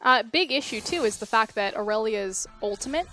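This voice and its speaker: A woman's voice: a little high, expressive, moderate pace, pushed and bright, faint music behind. A woman giving esports analysis as a caster, chatty, often acting out players with mock quotes.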